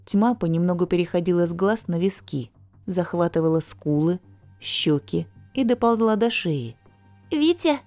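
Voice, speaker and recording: A woman narrating a first-person audiobook in a wry, expressive way. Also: fairly low pitch, moderate pace, dry recording, soft background music.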